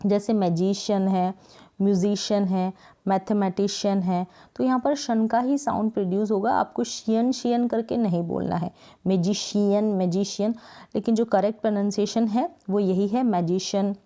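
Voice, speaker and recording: A woman from India gives a patient spelling lesson, repeating each word several times and breaking it into slow, stretched syllables. Her voice is mellow and soft-edged, pitched in an ordinary middle range. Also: steady tone. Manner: slow, drawn-out syllable-by-syllable pronunciation drills; patient, repeats words often with "thik hai" checks. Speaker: English spelling teacher. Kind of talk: explanatory lesson.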